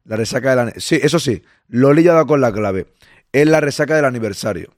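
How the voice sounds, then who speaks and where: A hoarse man runs a casual live stream, greeting listeners by name and reassuring them. His voice sits at an ordinary pitch and sounds dry and close, with no room around it. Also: lively intonation, fast, a little mellow, no echo. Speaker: podcast host reading live chat.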